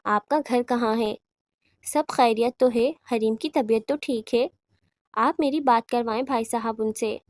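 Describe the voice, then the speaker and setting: An anxious middle-aged mother, read by a woman narrator, pleading with worried questions in a fairly high voice. The horror storybook recording is dry and close. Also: darkish tone, no room sound, close to an everyday voice. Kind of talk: audiobook horror reading.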